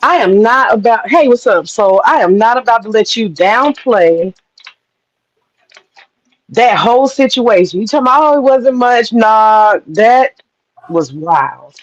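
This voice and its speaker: On a live-stream panel over a video call, a woman guest tells stories in a casual, emphatic, animated way. Her voice is mid-range and her pace measured. The call audio is dull and lo-fi.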